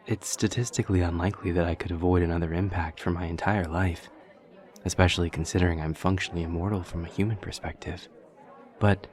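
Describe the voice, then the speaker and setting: In intimate audio roleplay acting, a low-pitched man portrays an awkward, earnest, literal-minded demon college student. He speaks in a stilted, overly precise deadpan, broken by hesitant pauses.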